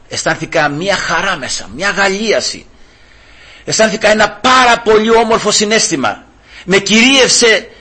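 Husky middle-aged guy preaching, bright sharp voice, goes quiet then loud. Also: a little high. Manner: fervent, swings from hushed to exclamatory. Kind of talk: sermon with personal testimony.

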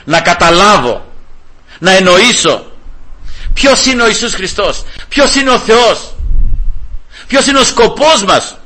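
A man delivers an informal sermon as a lively retelling of a Bible story. His voice sits high and sounds bright and forceful. He slips into the characters' voices and keeps calling out to his brothers in the congregation. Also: long pauses, rough recording. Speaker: lay preacher.

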